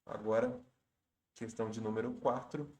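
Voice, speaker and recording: A man's voice: fairly low pitch, steady tone, normal speed, a little mellow. A man teaching Portuguese grammar for exam prep. He works through each question step by step, patiently, and often stops to correct himself. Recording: roomy echo.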